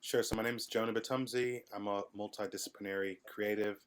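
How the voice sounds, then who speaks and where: A middle-aged man from the American Midwest, chatting as a podcast guest in a relaxed way, with frequent ums and hesitations. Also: lowish voice, fast, clear, resonant tone. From United States, Midwest. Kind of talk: casual interview conversation.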